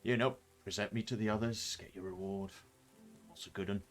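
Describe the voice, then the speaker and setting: A gleeful male killer in a tabletop game, taunting his captors with a very low, deep voice, as a game master puts him on. He sounds smug and relishes others' misery. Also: fairly even intonation, brisk, faint music behind, natural voice. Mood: mocking.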